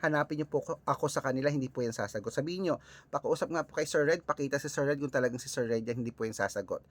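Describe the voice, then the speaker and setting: A man from the Philippines hosting a casual vlog, chatting with viewers and reading out lucky numbers in a lively way. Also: medium pitch, very fast. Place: early morning, on his way out, with cars passing.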